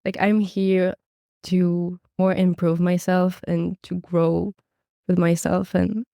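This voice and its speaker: A teenage exchange student from Belgium, talking in a relaxed way in a casual podcast interview. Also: female voice, on the low side, slow pace, creaky, no room sound, studio quality. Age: teens.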